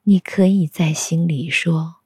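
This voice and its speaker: A woman leads a guided meditation in a soothing whisper. Her voice is very breathy and low, and she speaks extremely slowly. The delivery is soft and instructional, like a spa relaxation track. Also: fairly even intonation, dry recording, studio quality.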